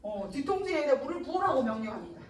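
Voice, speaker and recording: Lively high-voiced woman teacher. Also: quick pace, echoey room, far from the mic, rough recording. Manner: animated, acts out characters' lines; casual, slangy asides. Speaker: Korean literature teacher. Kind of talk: exam-prep lecture retelling a classic novel.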